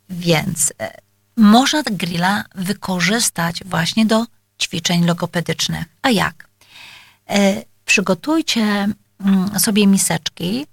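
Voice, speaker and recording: Hesitant woman with a gravelly low voice. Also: dry recording, studio quality. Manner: hesitant, many fillers, addresses listeners politely. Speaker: speech therapist. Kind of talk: instructional talk to parents.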